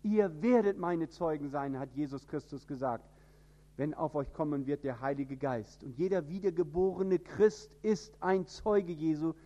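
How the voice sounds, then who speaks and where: Man, northern German preacher, emphatic sermon, mellow warm tone, dull lo-fi recording. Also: unhurried. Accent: standard High German. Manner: emphatic, with sudden rises in pitch and loudness.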